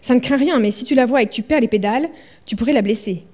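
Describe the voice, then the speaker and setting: A man's voice: extremely high pitch, fast talker, darkish tone. A woman reading aloud, voicing an insistent, patient young man who teases a frightened friend. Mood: patiently teasing.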